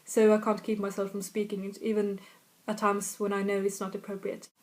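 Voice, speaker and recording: A Swedish woman from just north of Stockholm, with a slightly northern accent, chats casually in a video lesson as a language tutor, repeating example phrases. Her voice is medium-pitched and darkish, delivered fairly quickly in a monotone.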